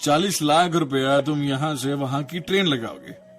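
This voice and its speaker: A man's voice: fairly high pitch, normal speed. A man hosting a radio show, chatting and joking with callers between songs, laughing often. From Pakistan. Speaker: radio host. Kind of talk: lively radio show banter. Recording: radio broadcast with music behind.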